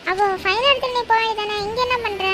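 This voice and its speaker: A sharp, nosy elder sister in a cartoon, voiced by a woman. She fires loud questions in a very high voice. Music plays clearly behind. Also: fairly even intonation, fairly quick. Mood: questioning. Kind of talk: cartoon voice acting.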